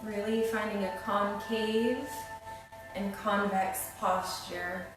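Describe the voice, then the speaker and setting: A soothing female yoga teacher guides a class with unhurried, gentle instruction. Her mid-pitched voice comes from some distance in a very reverberant room, with music clearly playing behind her. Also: little pitch movement.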